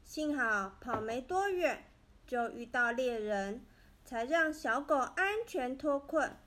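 A woman narrating a children's story in a gentle, expressive way. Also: sits high, slow pace.

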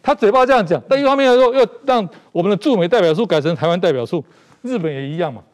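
A man's voice: high voice, lively intonation, quick pace. A middle-aged man from Taiwan with a Taiwanese Mandarin accent, a talk show guest making emphatic political commentary and repeating phrases for stress. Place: TV studio.

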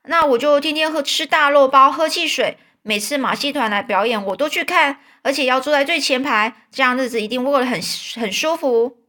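A woman reading aloud as a scrappy, carefree boy in a storybook, blunt and a little whiny. The voice sits fairly high, with a lilt. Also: brisk, few pauses, bright, forceful tone. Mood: casual, curious.

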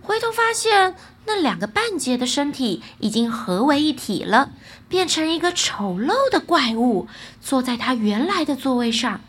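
A woman narrating a children's bedtime fairy tale in a lively, expressive way. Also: high voice, normal speed, breathy edge. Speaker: storyteller.

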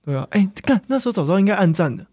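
A man's voice: high-pitched, lively intonation, racing, a little mellow. A man, co-hosting a casual chat and chiming in with short agreements and jokes. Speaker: podcast co-host.

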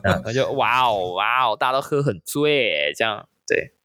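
A man's voice: mid-range voice, expressive, moderate pace, bright, forceful tone, slight background noise. A man telling a story in casual chat, acting out quotes in a raised voice. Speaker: storyteller recounting hosting a company party.

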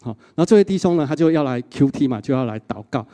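Animated male preacher. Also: medium pitch, fast. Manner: animated storytelling with a frequent 哈 tag. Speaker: pastor. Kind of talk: sermon.

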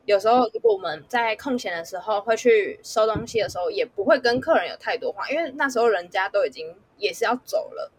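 A woman's voice: a little high, fast, few pauses, a little hiss or hum. A young woman student, telling a work story casually and animatedly. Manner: animated storyteller, acts out customers' voices. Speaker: guest, student.

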